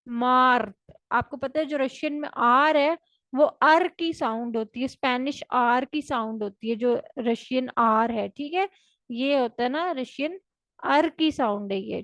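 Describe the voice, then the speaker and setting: High-voiced woman teaching slowly. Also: fairly bright tone, dry recording. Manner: slow, drawn-out drilling of words to repeat. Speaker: language instructor. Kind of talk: recorded language lesson.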